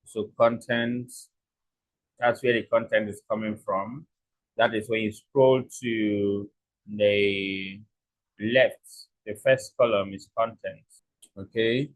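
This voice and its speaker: A man giving a step-by-step software tutorial, dictating what to type piece by piece and often checking in with short tags. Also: fairly low pitch, steady tone, slow pace, poor audio. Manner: dictating code symbol by symbol; frequent check-in tags like okay and right. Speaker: software instructor.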